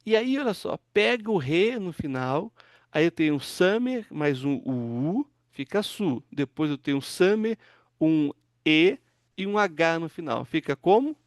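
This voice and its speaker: A pastor teaching an online Hebrew class, patiently walking students through word forms and asking them to read aloud. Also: male voice, a little high, animated, measured pace, no echo, studio quality. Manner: patient, explains step by step, asks students to read.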